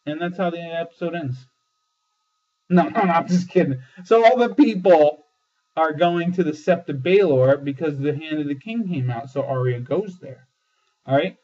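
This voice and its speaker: A man hosting a casual TV episode review, excitable and swearing often, with lots of fillers. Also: fairly high pitch, moderate pace. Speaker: host. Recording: dull lo-fi sound, distant mic.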